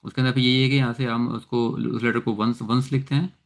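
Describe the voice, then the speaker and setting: A man teaching an online Arabic grammar lesson in Urdu, speaking haltingly with many filler sounds and often switching into English terms. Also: medium pitch, flat delivery, creaky.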